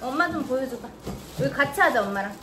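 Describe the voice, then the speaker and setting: Mom vlogger, high bright pitch, very animated, sing-song coaxing of children. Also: female voice, fast, heavy background noise. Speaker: mother and vlog host. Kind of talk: casual instructions to children mixed with product narration.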